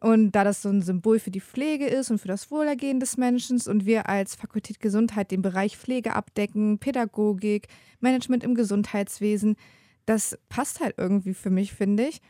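A woman in her mid-twenties talks casually as a student guest, thinking aloud in a warm, mellow voice. The recording is dry and close. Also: mid-range voice, moderate pace, dry recording. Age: 20s. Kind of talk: podcast chat.

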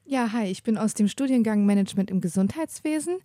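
A woman's voice: medium pitch, lively intonation, brisk, dark tone, no room sound, studio quality. A woman in her twenties, a student guest, talking casually and thinking aloud. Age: 20s. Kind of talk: podcast chat.

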